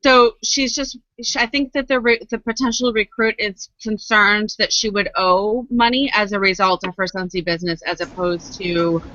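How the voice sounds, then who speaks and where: A woman's voice: mid-range voice, fairly even intonation, normal speed, hardly any pauses, pushed and bright, dry recording, lo-fi sound. A woman relaying a listener question in a round table chat, a little hesitant.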